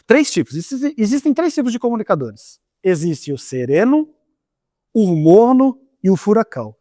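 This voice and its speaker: A man with a Brazilian Portuguese accent teaching a lively online lesson on speaking, coaxing viewers into exercises and demonstrating different ways of talking. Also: high voice, moderate pace, no room sound, studio quality. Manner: energetic, coaxing, demonstrates voice styles. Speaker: communication teacher.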